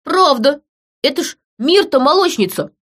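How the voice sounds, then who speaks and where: A woman's voice: medium pitch, lively intonation, normal speed, natural voice. A woman voicing an eager middle-aged village man who blurts out news, in a storybook reading. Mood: excited.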